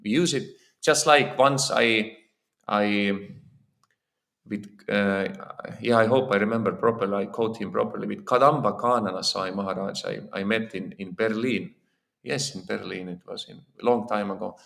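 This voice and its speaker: Fairly low and fairly bright, with vocal fry, the man's voice moves at a moderate pace. He's an Estonian-accented lecturer giving an informal, earnest scripture talk in a temple hall, frequently repeating words as he gropes for the right phrasing.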